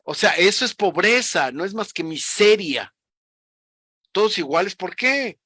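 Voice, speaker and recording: A man's voice: high-pitched, expressive, a little slow, bright, forceful tone, husky, no room sound, studio quality. A man from Mexico, explaining ideas in a reflective, teacherly way with frequent restarts. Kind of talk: conversational explanation.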